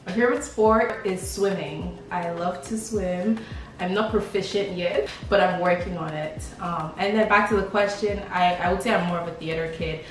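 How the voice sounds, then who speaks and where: This young adult from Lagos, Nigeria, has a lowish voice and a moderate pace as she casually, playfully talks about herself for a vlog. The recording is echoey with a far-off mic, soft background music, and a beat.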